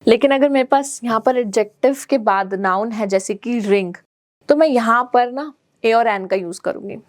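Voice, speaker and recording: A woman's voice: on the high side, no echo, studio quality. A woman teaching a grammar lesson to schoolchildren, switching between English and Hindi and checking in with her students often. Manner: slow careful English, quicker Hindi explanations.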